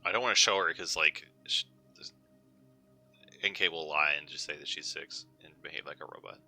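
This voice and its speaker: A man's voice: a bass voice, fairly quick, creaky, pushed and bright, faint music behind. A man casually commenting on a game he is playing, rambling and repeating words as he thinks aloud. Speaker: let's play host.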